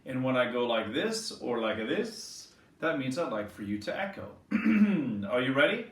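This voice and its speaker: A man teaching an online music lesson to young children, gentle, encouraging and playful. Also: mid-range voice, sing-song, moderate pace. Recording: echoey room, voice a bit distant. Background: acoustic guitar.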